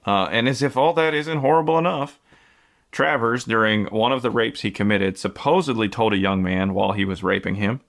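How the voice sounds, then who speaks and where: The podcast host, a US man, talks a little fast in a low, gravelly voice with some brightness. He narrates a true-crime story in an easygoing way, often restarting and using fillers.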